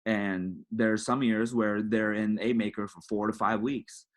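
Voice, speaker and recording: A football coach with a lowish voice walks fellow coaches through his program in an easy, conversational way. He keeps checking in with "right?" and leans on "again" as he moves from point to point. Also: little pitch movement, unhurried. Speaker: high school football coach. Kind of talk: clinic presentation to coaches.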